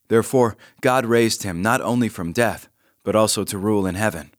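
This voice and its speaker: A man giving a calm, measured scripted reading of scripture and a short devotional with prayer. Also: lowish voice, no room sound, studio quality. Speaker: devotional reader.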